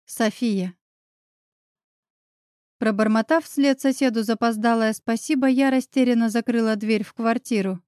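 A woman reading a novel aloud as a first-person audiobook narrator, with a smooth, even storytelling manner. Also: fairly high pitch, measured pace, pauses often, no room sound, studio quality.

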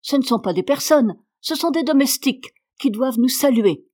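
A bossy, spoiled little girl from a storybook snaps out her words with haughty indignation, as a woman reader puts her on. The voice sits noticeably higher and louder than the reader's own, pushing hard on each demand. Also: expressive, moderate pace. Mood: furious.

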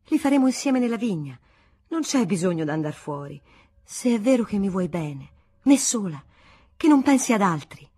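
A woman's voice: medium pitch, sing-song, moderate pace, mellow, husky. Anxious pleading young wife, read by a woman. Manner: imploring, anxious.

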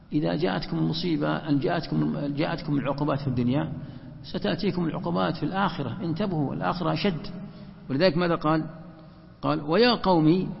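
A man, pitched a little high with a rough, gravelly edge, explaining verses in a religious lesson. He repeats and stresses phrases and draws out his recitations of verses. The sound is dull and lo-fi, with a long reverb from a large hall. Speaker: Quran exegesis teacher.

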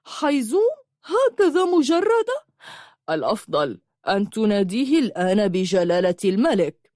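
A man's voice: high-pitched, big pitch swings, moderate pace, no room sound, clean studio sound. A woman voicing an arrogant young man who was once a horse, speaking in a sneering, mocking way in a read-aloud story.

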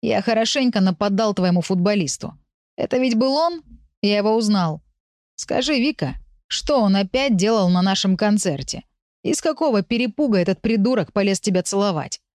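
A woman's voice: medium pitch, expressive, moderate pace, a little mellow, no room sound, studio quality, voice pushed up, close to an everyday voice. A woman voicing an angry young male musician who accuses and questions.

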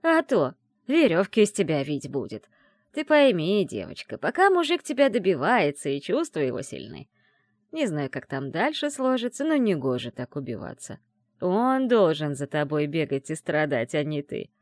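A gruff old village witch with grey hair, scolding and teasing her young ward in a plain, homely way, as a woman reads her in a storybook. The voice swings lively up and down and sits close and dry. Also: low voice, moderate pace, no echo. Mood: lecturing.

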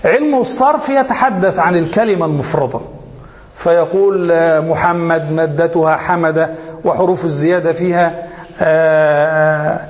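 A sheikh with a high voice gives a grammar lesson in a lingering, reverberant hall. He speaks slowly and deliberately and repeats key terms. He often stops on a question and lets his students finish the word. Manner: asks questions and lets listeners finish them. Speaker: sheikh teaching Arabic grammar. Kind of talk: classroom lecture.

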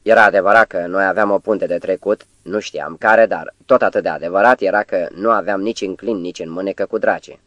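Low-voiced male audiobook reader. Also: a bit bright, dry recording, highs cut off. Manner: measured, storytelling. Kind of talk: literary audiobook narration.

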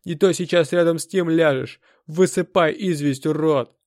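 A coarse, bossy thug from an audiobook , played by a male narrator. He barks curt orders in a gravelly voice, loud and rough-edged. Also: mid-range voice, unhurried, no echo, studio quality, lightly acted. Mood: angry. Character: gruff bossy thug bruiser, coarse and short-tempered.

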